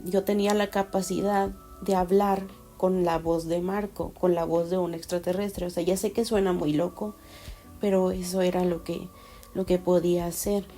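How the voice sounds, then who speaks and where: Casting note: a woman, mellow, warm voice, confiding vlog storytelling, faint music underneath. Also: fairly low pitch, little pitch movement, normal speed. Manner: confiding, rambling with many fillers and restarts. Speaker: vlogger. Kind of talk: casual personal storytelling.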